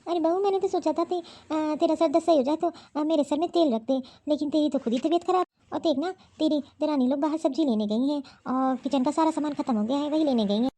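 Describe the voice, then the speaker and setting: A woman's voice: high-pitched, fast, few pauses, mellow, lightly acted. A woman voicing an ailing, fussy old mother-in-law in a cartoon story; she complains and keeps calling for her daughters-in-law. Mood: pleading. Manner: complaining, calls out repeatedly.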